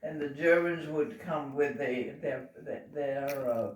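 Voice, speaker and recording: A very old woman in her nineties from Belgium, recalling her past informally and haltingly as she searches for words. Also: low voice, a little mellow. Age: 90s. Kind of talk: informal oral reminiscence. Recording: roomy home recording, distant mic, faint noise.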